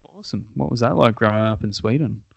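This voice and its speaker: Relaxed male host, dry close sound. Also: medium pitch, quick pace, vocal fry, slightly rough, no echo, dull audio. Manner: relaxed, encouraging, frequent short agreements. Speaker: interviewer, podcast host. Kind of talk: casual interview chat.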